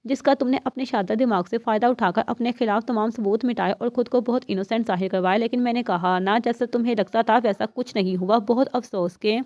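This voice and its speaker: A woman's voice: on the high side, steady tone, few pauses, darkish tone, dry recording, natural voice. A woman reading the part of a defiant young secret agent in a storybook reading, accusing and unafraid. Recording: dull, slightly lo-fi dry recording.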